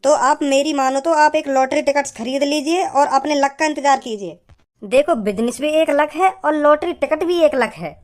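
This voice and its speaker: A voice actor playing a smooth-talking salesman in a cartoon, with persuasive, explaining sales patter. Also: high-pitched, close to an everyday voice. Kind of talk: cartoon comedy voice acting.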